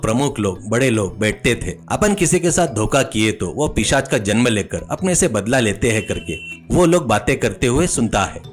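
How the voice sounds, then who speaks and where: A man narrating a moral story in an animated storytelling manner. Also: mid-range voice.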